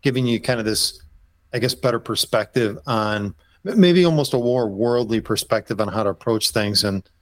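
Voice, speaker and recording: A habitat consultant guests on a casual podcast interview, speaking in a mid-range male voice at a moderate pace. He's easygoing and rambling, saying "you know" a lot, and the recording is dry.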